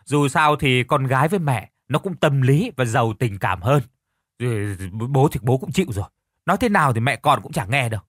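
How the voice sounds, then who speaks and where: A man playing a gruff older farmer husband who scolds and grumbles in exasperation. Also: medium pitch, lively intonation, moderate pace, no room sound, clean studio sound, natural voice. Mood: fumbling, coaxing.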